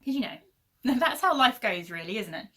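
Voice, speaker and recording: This knitting podcast host, a woman in her thirties recording indoors at home, rambles chattily and uses lots of fillers. Her mid-range, fairly bright voice swings widely in pitch and moves a little fast. It's a bit worn, as she's losing it.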